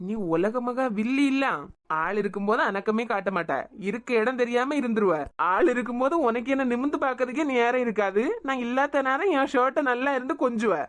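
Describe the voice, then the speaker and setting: A man's voice: very high-pitched, a little fast, fairly bright tone. A man voicing a playful, teasing husband in a cartoon web series.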